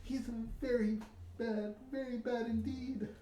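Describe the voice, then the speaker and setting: A woman's voice: a little high, fairly even intonation, measured pace, dark tone, recorded from a distance, lightly acted. A woman voicing a shy young woman who timidly pleads for help in a tabletop game. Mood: worried pleading. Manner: timid, imploring. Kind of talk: tabletop game role-play. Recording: echoey room.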